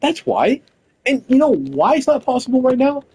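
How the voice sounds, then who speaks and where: A man's voice: very high-pitched, sing-song, normal speed, vocal fry, darkish tone, breathy edge. A young man streaming live, arguing with a chatbot in a casual, incredulous way, swearing a lot.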